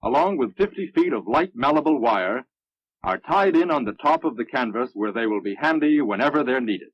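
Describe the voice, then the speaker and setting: An American man narrates a military training film in a measured, instructive way, his slightly husky voice at a middling pitch with lively intonation. The dry, dull sound resembles a vintage film soundtrack.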